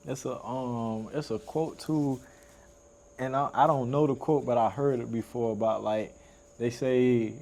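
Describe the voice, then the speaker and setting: A man's voice: medium pitch, fairly even intonation, unhurried, darkish tone. A man in a casual chat with his cousin, laid-back, laughing often and nodding along. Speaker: podcast co-host, cousin. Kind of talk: casual conversation.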